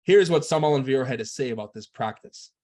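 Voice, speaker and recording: Man giving a measured spiritual lecture. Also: medium pitch, animated, a little mellow. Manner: measured, earnest instructional delivery.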